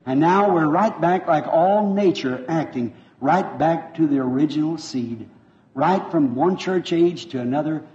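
A man preaching with fervent, folksy repetition. His voice is mellow and sits a little high. It comes through a dull, lo-fi old sermon recording. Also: slow pace. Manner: fervent, folksy, repeats himself. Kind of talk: revival sermon with interpreter.

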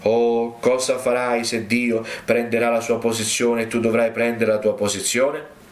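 A man's voice: mid-range voice, flat delivery, normal speed. A male preacher delivering a fervent, exhorting sermon to his congregation. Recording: roomy echo.

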